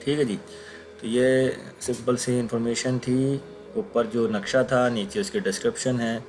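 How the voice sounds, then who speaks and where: A man teaching Quran recitation in a recorded online lesson, explaining each letter sound slowly and patiently and repeating it aloud. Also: medium pitch, little pitch movement, darkish tone, soft background music.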